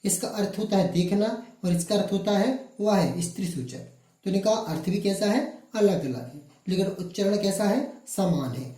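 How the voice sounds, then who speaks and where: A man's voice: high voice, mellow. A male teacher from Madhya Pradesh, India, giving a classroom-style grammar lesson. He asks questions and answers them himself, repeating the key words. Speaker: English teacher. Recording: echoey room.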